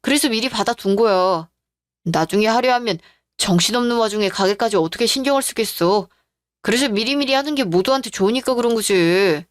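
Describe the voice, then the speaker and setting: A woman's voice: on the high side, fairly quick, no echo, clean studio sound, lightly acted. A woman voicing a scheming, self-justifying husband in a radio drama, talking defensively and brushing off blame.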